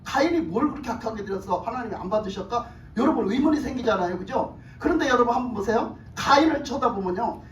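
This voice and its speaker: A woman pastor preaching a sermon, emphatic and animated, putting questions to the congregation and often laughing. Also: on the high side, slight background noise. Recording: echoey hall from far off.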